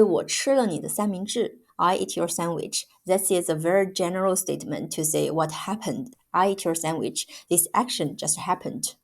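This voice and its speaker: Patient woman teaching grammar, lowish voice. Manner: patient, emphatic explaining with repeated examples. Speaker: Chinese language teacher. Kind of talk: explanatory grammar lesson.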